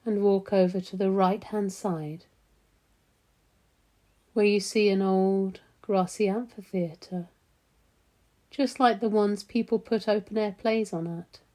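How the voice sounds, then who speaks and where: Leaving long silences, a woman leads a guided meditation at a medium pitch, her manner soft, soothing and in no rush.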